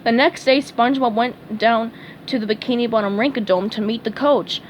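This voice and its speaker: A woman reading a storybook aloud in a calm, measured way. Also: on the high side, slight background noise, poor audio. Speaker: narrator.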